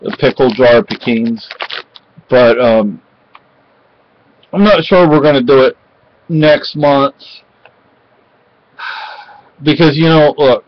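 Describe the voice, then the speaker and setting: A middle-aged Spanish vlogger chats casually into a close-range webcam in a cluttered room at home, his medium-pitched voice wandering through pauses, fillers and restarts. The audio sounds dull and lo-fi.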